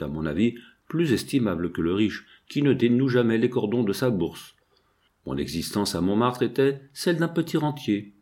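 A man reading a first-person literary novel as an audiobook, measured and expressive. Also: fairly low pitch. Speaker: audiobook narrator.

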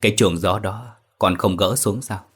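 A frail, timid mother in a horror audiobook, read by a man. She speaks softly and hesitantly, in a low voice. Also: normal speed, slightly rough. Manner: soft, hesitant.

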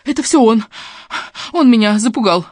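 A man voicing a scheming, frightened woman in an audiobook, high and whiny as she pleads. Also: lively intonation, brisk, no room sound. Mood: pleading. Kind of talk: audiobook character reading.

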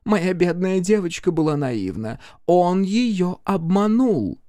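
A man's voice: high voice, big pitch swings, takes it slowly, dark tone, no room sound, studio quality, voice pushed up, exaggerated voice. A man reading a story aloud, voicing a domineering middle-aged mother who speaks curtly and imperiously. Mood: indignant. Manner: curt, imperious, clipped.

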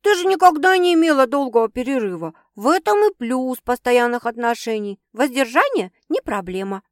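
Woman reading as a young sister, high voice, sarcastic, bossy, teasing, dry sound. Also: expressive, normal speed, no echo. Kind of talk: audiobook character voice.

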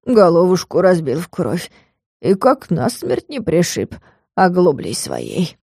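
Woman putting on an old granny voice, slow and soothing, folksy, lower and mellow. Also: big pitch swings, gravelly, breathy edge, no echo, clean studio sound, exaggerated voice. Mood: fussing. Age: older. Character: kindly fussing old village grandmother.

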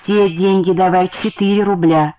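A woman voicing a brutal drunken husband with a hoarse, curt delivery. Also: on the low side, fairly even intonation, normal speed, narrow, tinny audio, close to an everyday voice. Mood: menacing.

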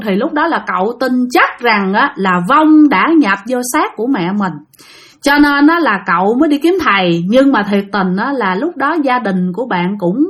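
A woman's voice: a little high, fairly bright tone. A woman telling a ghost story in a casual, chatty way, often speaking straight to her listeners. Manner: chatty, addresses listeners directly.

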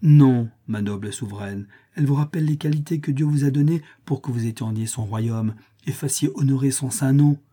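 Devout gothic servant girl pleading earnestly, man reading her, dark husky voice, storybook. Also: mid-range voice, a little fast, hardly any pauses, natural voice. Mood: fervent.

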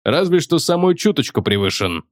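A man voicing a gruff, seasick copilot and former navy man who wheezes out his words in a slow drawl, as an audiobook character voice. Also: fairly high pitch, big pitch swings, no room sound, studio quality.

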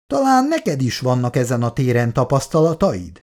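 A man's voice: mid-range voice, wildly swooping pitch, a little mellow. A reader voicing Bandi, a husband probing his wife with casual questions in a storybook reading.

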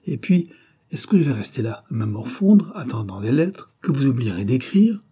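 A man's voice: mid-range voice, very animated, normal speed, dark tone, slightly rough. A man reading an audiobook, voicing an insistent, protective old father.

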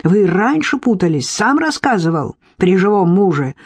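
A woman's voice: big pitch swings, normal speed, darkish tone, husky. A woman reading an audiobook, voicing a jealous, spiteful young woman who pleads and lashes out. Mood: furious. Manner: pleading then spiteful, rising shrill. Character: jealous scheming young woman, bitter and shrill.

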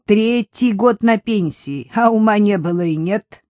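A woman's voice: medium pitch, unhurried, warm tone, no echo, pitched above the performer's own voice, close to an everyday voice. Woman doing a complaining village pensioner woman. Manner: plaintive, complaining. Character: complaining retired woman in a tracksuit.

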